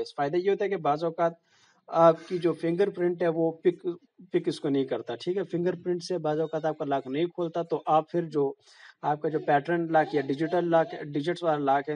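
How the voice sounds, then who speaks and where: A man's voice: fairly high pitch, a little mellow. A man, casually walking viewers through phone settings in a plain, repetitive tutorial manner. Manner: plain, repetitive explaining with fillers and "bhai" asides. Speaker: tutorial presenter.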